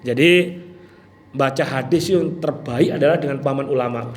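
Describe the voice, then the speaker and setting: A man preaching a religious study session, lively and joking, often addressing his listeners directly. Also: mid-range voice, moderate pace. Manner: lively, jokey, keeps addressing listeners with "Pak". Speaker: Islamic preacher. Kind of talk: sermon.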